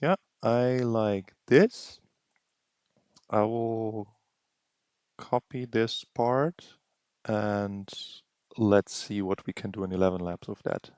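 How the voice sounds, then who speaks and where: A man narrating a software tutorial, explaining steps slowly and thinking aloud. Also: on the low side, fairly even intonation, dry recording, studio quality. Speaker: tutorial host. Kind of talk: screen-recording tutorial narration.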